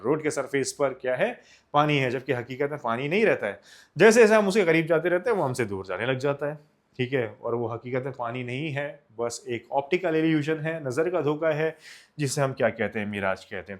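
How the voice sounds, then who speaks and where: A young man from India teaching a science lesson for exams, mixing Hindi and English, asking questions and answering them himself, and calling his students children. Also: fairly high pitch. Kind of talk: exam-focused science lecture.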